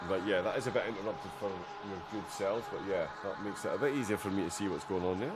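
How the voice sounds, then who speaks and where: Reacting to the racing in a chatty way full of "uh" hesitations, a man gives live commentary on a sim racing endurance stream. His voice sits low, he talks fast, and the recording is very noisy.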